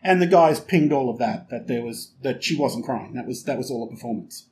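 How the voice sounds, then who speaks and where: A man co-hosting a podcast who is opinionated and emphatic in casual chat, often telling stories with quick asides. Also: medium pitch, animated, darkish tone, a little hiss or hum. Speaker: podcast co-host.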